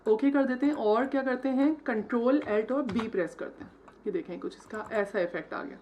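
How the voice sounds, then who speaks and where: A woman's voice: on the high side, normal speed, darkish tone, a little hiss or hum. Woman walking through a design tutorial. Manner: step-by-step, frequent "theek hai" check-ins; mixes English terms into Hindi. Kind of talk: screen-recorded software tutorial.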